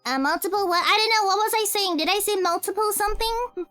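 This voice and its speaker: A young woman with a very high voice, a streamer and cover singer, chats fast on a livestream, rambling and giggling while answering viewer questions in a casual Q&A. She frequently corrects herself mid-sentence, and soft music plays faintly in the background.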